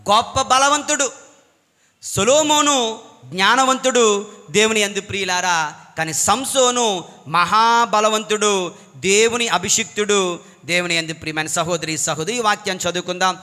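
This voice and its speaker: A male preacher delivering a sermon with dramatic, rising refrains and repeated phrases. His voice sits high and bright, with a long reverb trailing each line. He often calls on the listeners to answer him back.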